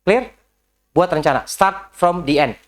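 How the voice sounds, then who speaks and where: Lively man coaching a group indoors. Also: sits high, slow. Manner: lively, talks straight to the audience with rhetorical questions; mixes English business phrases into his talk. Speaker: business coach. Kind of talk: motivational coaching talk. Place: indoor session in a house.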